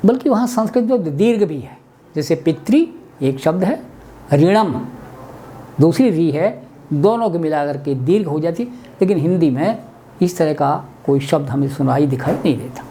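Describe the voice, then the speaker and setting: A man giving a webinar lesson on pronunciation, spelling out letters one by one as he writes them and explaining each step deliberately. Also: fairly high pitch, expressive, warm tone, slight background noise. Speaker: Hindi language teacher.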